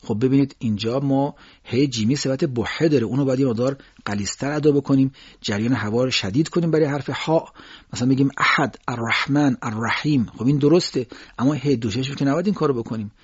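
Husky male tajweed teacher, Persian native, slows to demo sounds, dull lo-fi sound. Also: mid-range voice, warm tone. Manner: demonstrates sounds by slow, drawn-out recitation. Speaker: Quran recitation teacher. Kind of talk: tajweed pronunciation lesson.

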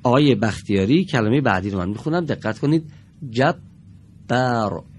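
A male teacher leads a reading lesson in a TV studio, speaking at a mid pitch. He is patient and draws out each word slowly for the class. A faint noise runs behind his voice. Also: expressive. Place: TV studio with children.

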